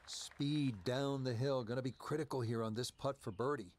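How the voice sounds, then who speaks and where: Casting: actor as lead golf commentator, male, measured TV-style calls for a golf game, audible crowd in the back. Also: medium pitch, a little mellow, natural voice. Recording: crowd noise behind the voice.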